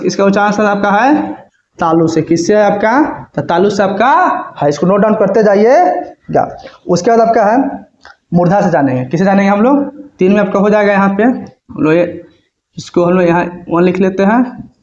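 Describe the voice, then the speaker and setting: A man's voice: sits high, darkish tone. A man teaching a grammar lesson at a board, repeating each point and asking and answering his own questions. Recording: roomy, dull lo-fi sound.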